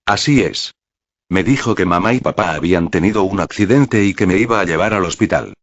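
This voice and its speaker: A man's voice: deep voice, fairly quick, no room sound. A man voicing a frightened little girl who has become a living teddy bear, speaking timidly, in a dull, dry recording. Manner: timid, childlike.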